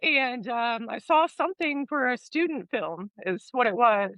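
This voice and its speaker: Woman, guest actress, casual interview, high pitch, easygoing, dry close sound. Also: a little slow, no echo, low-quality recording. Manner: easygoing, laughs along, relaxed storytelling.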